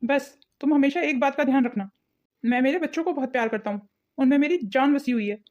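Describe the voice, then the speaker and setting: A woman's voice: high voice, quick pace, darkish tone, natural voice. A woman voicing an arrogant married man in a cartoon family drama, who speaks defiantly and with contempt. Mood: soothing. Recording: dull lo-fi audio.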